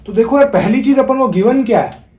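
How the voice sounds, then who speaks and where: A man's voice: extremely high pitch, expressive, fairly quick, warm tone. A young man from India teaching math in a casual, chatty way, often checking in with his students. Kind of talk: casual classroom lecture. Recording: echoey room.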